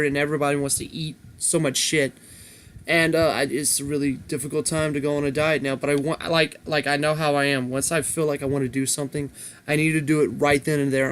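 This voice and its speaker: A man's voice: on the high side, a bit bright. A young man hosting a solo podcast, rambling casually with lots of restarts and fillers. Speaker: podcast host.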